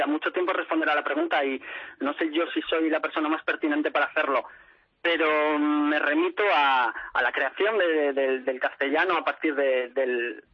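A man's voice: on the high side, husky, no echo. A man from Madrid, a guest speaking on the phone in a radio interview, answering thoughtfully with many restarts. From Madrid, Spain. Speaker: phone guest, language expert. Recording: muffled phone line.

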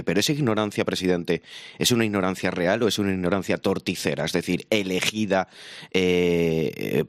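A man's voice: low-pitched, no echo. A man interviewing a guest, asking formal questions with some hesitation fillers. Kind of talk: interview questions and brief assents.

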